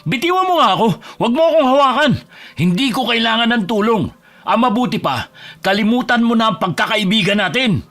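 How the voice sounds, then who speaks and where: A man's voice: medium pitch, fairly quick, close to an everyday voice. An actor playing a bus driver and husband who has turned curt and defensive, snapping and raising his voice. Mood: hostile. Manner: curt, bristling, flares into shouting. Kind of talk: audio drama acting. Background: music.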